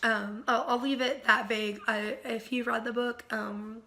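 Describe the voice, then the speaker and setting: A woman's bright, slightly high voice still sounds worn from a recent illness. At a normal speed, she rambles through a casual book review packed with ums, likes, and lively asides.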